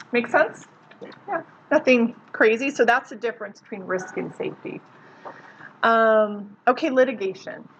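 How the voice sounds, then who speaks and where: Woman social worker teaching a class, chatty, muffled noisy recording. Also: medium pitch. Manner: casual, conversational, quizzes the audience. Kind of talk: classroom lecture. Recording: muffled lo-fi recording with loud background noise.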